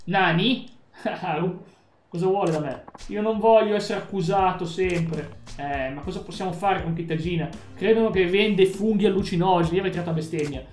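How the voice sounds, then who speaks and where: A man's voice: high-pitched, normal speed, darkish tone, reverberant, faint music behind. A man streaming a video game, joking playfully with his chat and friends. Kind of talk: live gameplay stream chat.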